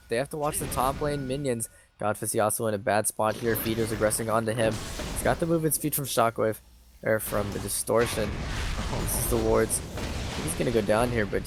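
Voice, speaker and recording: Man, esports color commentator, analytical, stumbles on words, medium pitch, clear music behind. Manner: analytical, stumbles and restarts when excited. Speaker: esports caster. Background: game music.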